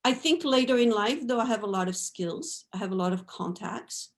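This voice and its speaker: Speaking at normal speed in a slightly high, expressive voice, a guest artist from France in her 50s talks reflectively about her life during an interview, frequently tacking on "right?" and "you know."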